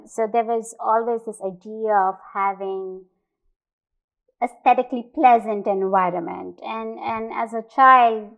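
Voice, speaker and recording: A woman from India, an artist, giving a thoughtful talk about her work, pausing often with fillers and restarts. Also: medium pitch, narrow, tinny audio.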